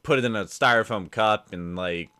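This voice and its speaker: A man's voice: lowish voice, moderate pace, bright, forceful tone, smooth. A man hosting a reaction video with casual commentary, full of exclamations and blunt joking asides.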